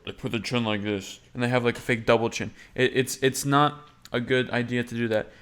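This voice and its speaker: A man's voice: medium pitch, fairly even intonation, fairly quick, a bit bright, smooth. Casual rambling male voice coach. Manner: casual, rambling, frequent fillers. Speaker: voice teacher reacting to a video. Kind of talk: casual commentary.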